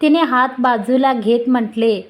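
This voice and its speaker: A woman narrating a love story in a steady reading voice. Her pitch sits a little above the usual for a woman. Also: measured pace, muffled recording.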